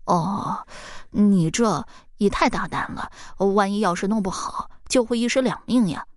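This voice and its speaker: A woman's voice: mid-range voice, unhurried, no echo, studio quality, lightly acted. A woman voicing a shy, awkward young village man who stammers in a storybook tale. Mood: curious.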